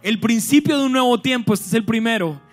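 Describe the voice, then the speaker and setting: High-voiced pastor preaching. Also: male voice, brisk, soft background music. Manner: animated preaching, shouts and acts out scenes with humor. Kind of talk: sermon. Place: church before a large congregation.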